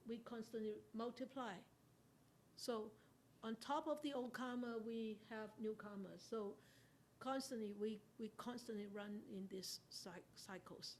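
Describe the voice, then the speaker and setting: A Buddhist nun giving an interactive Dharma talk to a study class, unhurried, questioning her listeners and laughing often. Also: fairly high pitch, fairly even intonation, a little hiss or hum.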